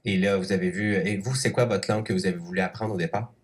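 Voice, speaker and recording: A male radio journalist hosting an interview, asking brisk, chatty questions. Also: deep voice, fairly even intonation.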